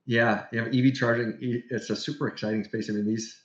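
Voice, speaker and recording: A man's voice: medium pitch, little pitch movement, fast talker. A man guesting on a casual podcast interview, explaining with enthusiasm. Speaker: guest industry executive. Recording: roomy, dull podcast audio.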